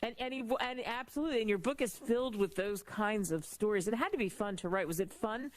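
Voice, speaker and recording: A woman's voice: medium pitch, fast talker. A woman hosting a talk radio interview, who listens and affirms her guest encouragingly.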